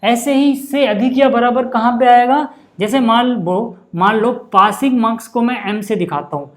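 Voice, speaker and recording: Male maths tutor, patient and repetitive, checks in constantly with rhetorical questions. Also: extremely high pitch. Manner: patient, repeats examples slowly. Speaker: maths teacher. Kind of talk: whiteboard maths lesson.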